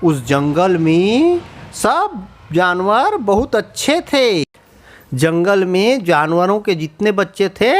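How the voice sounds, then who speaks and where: A man narrating a children's cartoon story, often pausing to ask the young listeners questions. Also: on the high side. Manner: asks the children questions, sing-song.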